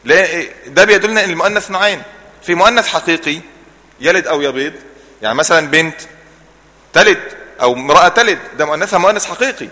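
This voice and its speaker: Quick, bright Egyptian teacher in a hall. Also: male voice, fairly high pitch, expressive. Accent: Egyptian Arabic. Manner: asks the class leading questions and answers them himself; repeats key words slowly to drill them. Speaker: religious teacher. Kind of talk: classroom Islamic jurisprudence lesson.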